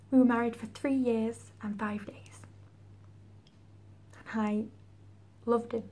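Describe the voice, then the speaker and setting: A woman in her twenties playing a grieving, volatile young widow in a dramatic monologue, sorrowful and halting, with heavy pauses. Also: fairly high pitch, breathy edge. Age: 20s. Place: small room at home, indoors.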